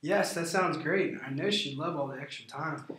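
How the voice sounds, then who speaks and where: A man in a rehearsed business role play, answering as a prospective client in a measured, formal way. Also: a little high, a bit bright. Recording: echoey, roomy sound.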